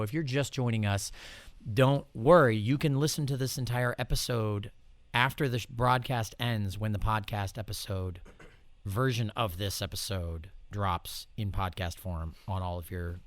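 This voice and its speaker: A man hosting a live radio music show in a studio, chatty and joking with quick asides. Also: lowish voice, fairly bright tone. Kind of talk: casual live radio chat.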